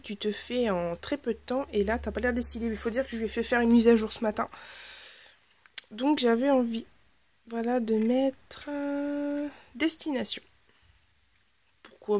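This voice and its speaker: A woman's voice: fairly high pitch, normal speed, long pauses, dark tone. A woman hosting a casual scrapbooking video, chatting and thinking aloud as she works, sometimes dropping into half-whispers. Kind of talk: casual crafting tutorial chat.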